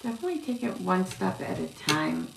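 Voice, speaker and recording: A woman giving a casual psychic reading on a live stream, talking haltingly with many fillers and restarts. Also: lowish voice, wildly swooping pitch, vocal fry. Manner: halting, filler-heavy, yawning. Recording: echoey room with faint noise.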